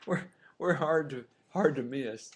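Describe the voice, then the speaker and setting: A man's voice: fairly high pitch, measured pace, slight background noise. A middle-aged man chatting casually into a webcam at home, joking and chuckling. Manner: jokey, playful, chuckles often. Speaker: co-host of a webcam video. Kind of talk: casual chat.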